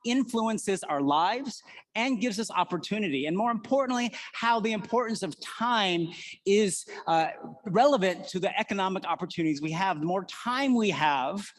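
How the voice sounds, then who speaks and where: A man's voice: sits high, lively intonation, moderate pace. A man in his forties from the United States giving an earnest prepared keynote talk, weaving in personal stories. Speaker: conference speaker.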